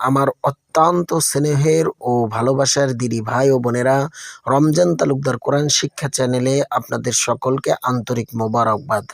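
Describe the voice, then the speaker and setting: A man's voice: medium pitch, normal speed, creaky, dry recording, clean studio sound. A man teaching a Quran lesson, patiently repeating each instruction and addressing his listeners as friends.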